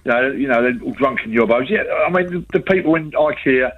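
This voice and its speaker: Calling into a radio phone-in, a man in his fifties from North West London, England, talks bluntly and emphatically in a working-class manner. His voice is mid-range and fairly quick, with phone-quality sound.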